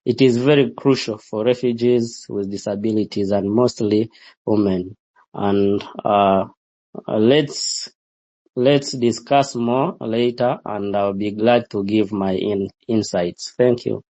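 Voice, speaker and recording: A man speaking as a guest in a panel discussion, halting with many filler sounds. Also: lowish voice, fairly even intonation, dark tone. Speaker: executive director, guest. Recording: dull lo-fi sound.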